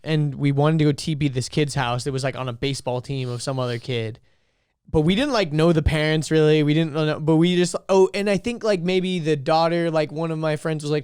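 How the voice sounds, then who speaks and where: A young man co-hosting a podcast, chatting casually with quick reactions and a rambling story. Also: a little high, smooth, dry recording, clean studio sound. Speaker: podcast co-host. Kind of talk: casual chat.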